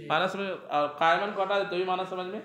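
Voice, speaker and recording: Man, teacher, high voice, grammar lesson, quizzing questions, echoey room. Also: steady tone, fairly bright tone. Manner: asks students questions and answers them himself; slows down to read Arabic text aloud.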